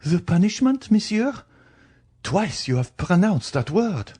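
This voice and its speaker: Storybook gentlewoman acted by a man, frantic and pleading, high swooping voice, drawn-out stammering delivery. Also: big pitch swings, slightly rough, exaggerated voice. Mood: terrified, bewildered. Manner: high, wailing, stammering pleas. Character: terrified, pleading wife, a guilty gentlewoman poisoner.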